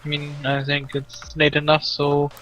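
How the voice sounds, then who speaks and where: A man chatting while playing a game, hesitant and pausing on many fillers as he lists things. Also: on the high side, monotone, fairly bright tone, low-quality recording. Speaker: co-player. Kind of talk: casual chat while gaming.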